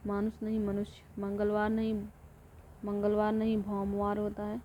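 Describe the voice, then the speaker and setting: A woman teaches an exam-prep lesson, running through word pairs in an almost completely flat voice and repeating each one as a drill. Her pitch sits in a middle range. The recording is dull and lo-fi, with a faint hiss underneath. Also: moderate pace. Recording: dull lo-fi audio with faint noise.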